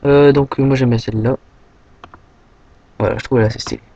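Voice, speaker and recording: A man's voice: medium pitch, fairly even intonation, brisk, creaky, dark tone, lo-fi sound. Casual young Frenchman with many fillers. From France. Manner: rambling, filler-heavy, says "hop" often. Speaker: tutorial maker. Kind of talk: casual screen-recorded software tutorial.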